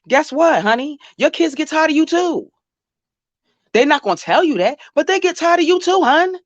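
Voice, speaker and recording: In a fairly high voice, a woman vlogger delivers blunt, profane reaction commentary, scolding the person she's criticizing to their face. The recording has no room sound and its highs are cut off.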